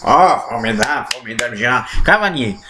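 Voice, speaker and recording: A man's voice: medium pitch, expressive, a little fast. A man in casual comic banter, playing the sidekick who feeds cues. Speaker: sidekick feeding cues in a comedy sketch. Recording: noticeable background noise.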